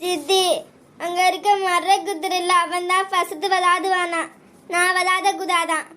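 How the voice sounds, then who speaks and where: A woman's voice: very high voice, little pitch movement, a little slow, bright, forceful tone, full character voice. A woman voicing a whiny little boy in a cartoon who tattles about being beaten. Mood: complaining.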